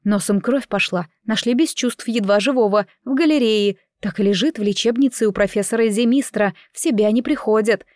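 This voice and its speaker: Женщина играет суетливую болтливую горничную. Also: female voice, a little high, darkish tone, no echo, clean studio sound, lightly acted. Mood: worried. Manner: quick folksy chatter, fussing and exclaiming. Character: bustling kind-hearted female chambermaid, chatty and fussy.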